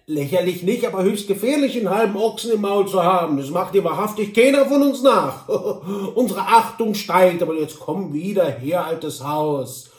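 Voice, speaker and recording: A man's voice: sits high, expressive, moderate pace, hardly any pauses, roomy sound, far from the mic, voice pushed up. A man doing a jovial stout frontiersman with an Altenburg accent. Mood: teasing. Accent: Altenburg dialect. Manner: hearty, coaxing, chuckling.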